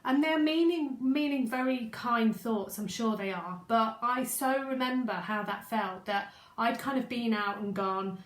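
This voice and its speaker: A woman's voice: a little high, measured pace, hardly any pauses, roomy sound. A woman business coach hosting a live stream, chatting loosely with viewers and reading out their comments. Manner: chatty, rambling, reads out viewer comments warmly.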